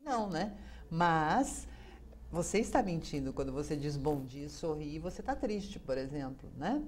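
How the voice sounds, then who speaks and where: Chatty Brazilian woman, lowish voice. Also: sing-song, moderate pace. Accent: Brazilian Portuguese. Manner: conversational, constant tag questions, acts out quoted voices. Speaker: TV program host. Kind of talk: monologue on emotional advice.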